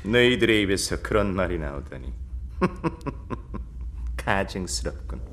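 An actor playing a proud demon king, a mocking, imperious dark lord in a fantasy audio drama. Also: lowish voice, lively intonation, moderate pace, slight background noise, lightly acted. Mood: scornful.

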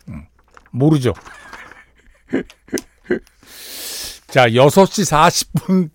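A man hosting a radio show in a studio, reading a short story and then listener messages, with relaxed banter. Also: a little high, no echo. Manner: relaxed banter, reads messages aloud and comments.

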